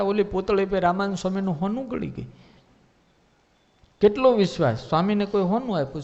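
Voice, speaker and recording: A man telling devotional stories in a sermon, acting out each character's lines in changing voices. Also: on the high side. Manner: animated, acts out characters' lines in shifting voices. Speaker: religious storyteller. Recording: dull lo-fi sound with long hall reverb.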